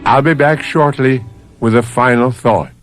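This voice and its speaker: Slow, theatrical male radio mystery host. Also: medium pitch, over loud music. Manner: theatrical, deliberate, dramatic pauses. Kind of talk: scripted radio hosting.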